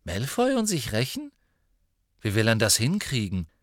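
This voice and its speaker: A man's voice: mid-range voice, huge pitch swings, moderate pace, no echo, studio quality. A male narrator voicing an easygoing, doubtful teenage boy in a storybook reading, with a vague, offhand way of talking. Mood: skeptical.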